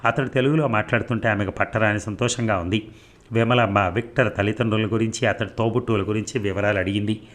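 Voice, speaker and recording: A man narrating an audiobook of a novel with a fairly low voice. His delivery is steady and even, in plain storytelling mode. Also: fast talker.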